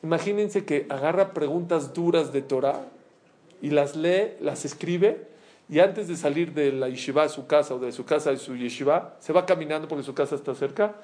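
A man's voice: fairly high pitch, normal speed. A middle-aged man, a religious speaker telling a story and acting out the people in it. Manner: animated, acts out characters' voices. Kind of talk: storytelling talk with acted quotes.

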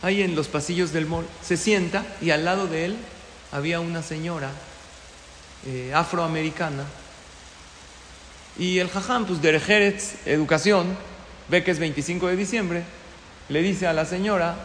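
A man giving a storytelling sermon, an animated teacher who keeps asking his listeners questions. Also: on the high side, moderate pace, pauses often, a little hiss or hum. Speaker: religious teacher. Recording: echoey hall with long reverb.

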